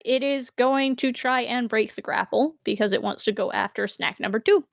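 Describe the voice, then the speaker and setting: Female game master for tabletop fantasy, higher voice, measured dramatic narration, close dry sound. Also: gravelly, dry recording.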